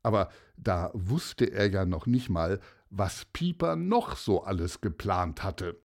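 A man narrating a children's audio story in an expressive storytelling manner. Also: sits low, slow.

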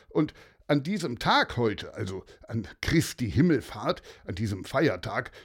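An actor playing a kindly police inspector who explains things hesitantly with many fillers. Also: male voice, mid-range voice, slightly rough, full character voice.

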